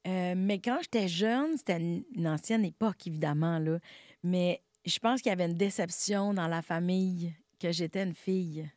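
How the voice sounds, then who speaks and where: A middle-aged Québécois woman with a fairly low, slightly mellow voice chats at a moderate pace as a guest comedian in a casual interview. She laughs often, pokes fun at herself, and fills her speech with fillers. The recording is dry and studio quality.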